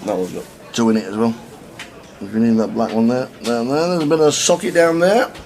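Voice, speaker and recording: A man's voice: medium pitch, fairly quick, darkish tone. A British man giving live poker commentary, chatty and joking as he runs through the players at the table. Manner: chatty, jokey, reads out the seating line-up.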